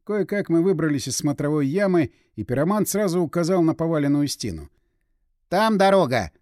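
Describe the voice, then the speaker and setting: A man narrating a first-person audiobook in a brisk, expressive reading style. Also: on the high side, no room sound, clean studio sound.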